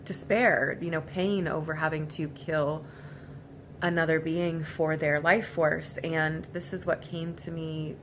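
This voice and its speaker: A woman gives a reflective personal vlog monologue, speaking casually and haltingly in an earnest, emotionally vulnerable way. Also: low voice, fairly even intonation. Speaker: vlogger. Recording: clearly noisy amateur recording.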